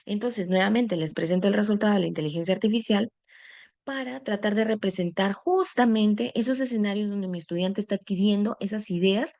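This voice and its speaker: A woman teacher giving a lecture on teaching, posing rhetorical questions and pausing with frequent fillers. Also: mid-range voice, a little mellow.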